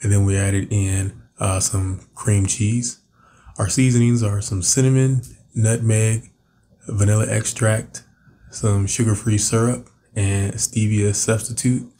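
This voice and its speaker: Home cook host, thirties, mellow and unhurried, leans on "uh" and "um". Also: male voice, lowish voice, a little hiss or hum. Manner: relaxed, many "uh" and "um" fillers. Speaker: cooking channel host. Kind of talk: casual recipe voice-over. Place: home kitchen.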